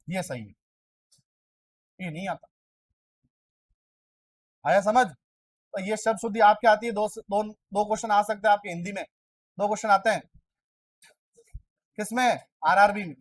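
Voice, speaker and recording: Teaching a classroom of exam candidates, a high-voiced man fires questions at them constantly and answers in their place, voicing their questions himself. He's chatty and argues playfully with students when they push back. He sits far from the microphone in a dry room with little reverb.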